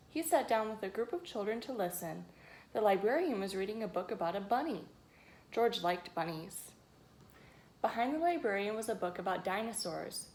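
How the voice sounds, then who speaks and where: A teacher reads a picture book aloud to children, expressively, pausing to ask them questions directly. Her voice is mid-range, and the recording is noisy.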